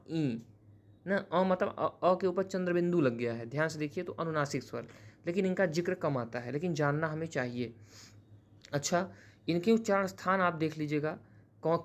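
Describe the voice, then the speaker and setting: A man teaching a grammar lesson who explains patiently, often restates terms, and corrects himself mid-sentence. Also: a little high. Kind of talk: classroom-style grammar lesson.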